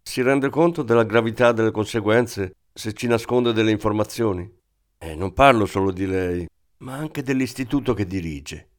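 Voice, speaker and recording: A man's voice: lowish voice, normal speed, natural voice. A man voicing a steely woman inspector. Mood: pressing. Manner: firm, controlled, pressing. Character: cool, insistent female police inspector.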